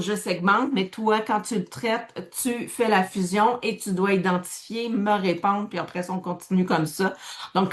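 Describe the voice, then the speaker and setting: A woman walks through a card game in a relaxed, explanatory way. She thinks aloud as she goes, with plenty of fillers and restarts. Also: mid-range voice. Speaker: presenter demonstrating a card game. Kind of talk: casual explanatory demonstration.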